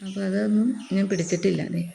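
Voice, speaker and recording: A woman with a Keralan accent talks easily outdoors in her garden while birds chirp nearby. She chats at a mid pitch and tags nearly every sentence with a friendly little aside, like catching up with a neighbour. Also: steady tone, fast, vocal fry, background noise. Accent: Keralan Malayalam. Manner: chatty, adds a tag to nearly every sentence. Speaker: vlogger. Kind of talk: casual gardening vlog.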